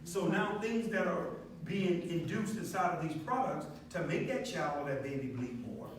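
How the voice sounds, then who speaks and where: High-voiced man preaching to a crowd. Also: moderate pace. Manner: emphatic, animated, asks the crowd questions. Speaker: speaker presenting a product to an audience. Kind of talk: preacher-like sales talk with call and response. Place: meeting room with a live audience. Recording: echoey noisy room from far off.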